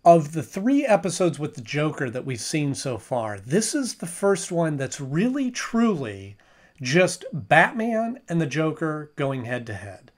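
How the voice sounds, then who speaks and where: Speaking at a measured pace in a slightly high, sing-song voice, this show reviewer in his thirties gives a casual episode rundown to camera from a small home room. His delivery is conversational, full of hedges and restarted sentences.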